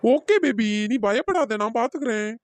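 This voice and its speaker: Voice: medium pitch, expressive, normal speed, dry recording, natural voice. A performer voicing a scared cheating husband in a cartoon, panicky and wailing. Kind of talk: cartoon comedy voice acting.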